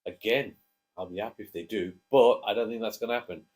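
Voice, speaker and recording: A man's voice: on the low side, fast talker, darkish tone. A man co-hosting a casual chat, jokey and chatty, prompting his co-host to speak. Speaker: co-host, father.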